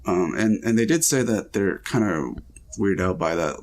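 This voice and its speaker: A man co-hosting a podcast, chatting casually about dreams with a relaxed, filler-heavy way of talking. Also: sits low, normal speed. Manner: relaxed, talks with frequent fillers. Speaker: podcast co-host reading and interpreting dreams.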